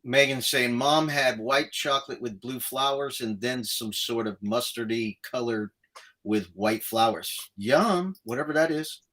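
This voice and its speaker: A man's voice: mid-range voice, measured pace, a bit bright. A man hosting a casual live stream, chatting and reading out comments from viewers.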